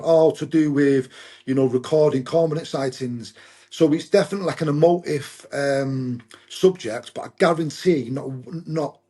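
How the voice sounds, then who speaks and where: A man's voice: medium pitch, dark tone, husky. An English man talking as a podcast guest, rambling loosely with lots of fillers. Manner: rambling, many fillers and restarts. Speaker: podcast guest, angling club founder. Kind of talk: casual podcast conversation.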